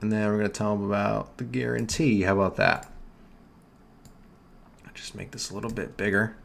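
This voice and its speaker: A fairly low-pitched young man with a New York accent hosts a casual live tutorial, chatting to viewers and fixing slips as he goes. Faint keyboard typing sits behind his desk mic. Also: steady tone, moderate pace, gravelly, slight background noise. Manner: chatty, self-correcting, talks to chat while working. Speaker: livestream host teaching online store building.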